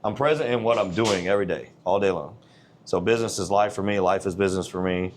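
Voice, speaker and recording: Blunt, low-voiced man in his forties. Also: fast talker, a little hiss or hum. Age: 40s. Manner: blunt, earnest, plain-spoken. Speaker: gym owner. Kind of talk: casual interview conversation.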